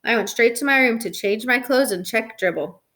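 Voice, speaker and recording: A woman reading a children's chapter book aloud in an expressive storytelling voice. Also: on the high side, moderate pace. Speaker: reader.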